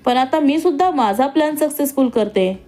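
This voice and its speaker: A woman's voice: high voice, animated, normal speed, dark tone, soft background music, pitched above the performer's own voice. A woman voicing a scheming, vengeful young woman who has escaped from jail and talks in a taunting, sneering way. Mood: angry.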